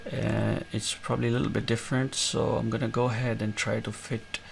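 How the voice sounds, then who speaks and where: A man with a gravelly, creaky voice walks through a screen-recorded coding tutorial step by step. He talks in a relaxed way with lots of "uh" and "um" fillers. Faint noise and keyboard typing sit behind him. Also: fairly low pitch, fairly quick. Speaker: tutorial host.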